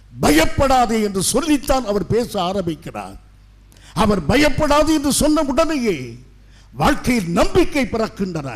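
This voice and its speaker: A middle-aged male pastor preaching an impassioned sermon, swinging between loud declarations and hushed asides. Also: extremely high pitch.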